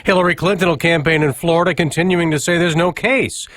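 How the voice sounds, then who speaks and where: A man's voice: on the high side, steady tone, brisk, a bit bright. A man anchoring a scripted radio news bulletin.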